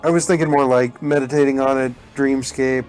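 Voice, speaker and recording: A man playing a tabletop game, talking casually in a tentative, measured way with music behind. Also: mid-range voice, steady tone.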